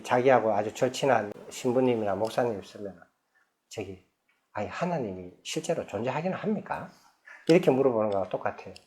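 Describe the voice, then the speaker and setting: Monk guy explaining a sutra, reads a bit then chats about it, keeps asking the class questions, regular pitch. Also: a little mellow, a little hiss or hum. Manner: conversational, asks the audience rhetorical questions; reads scripture passages aloud, then explains them in plain speech. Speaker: Buddhist monk lecturer. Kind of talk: dharma lecture on a sutra.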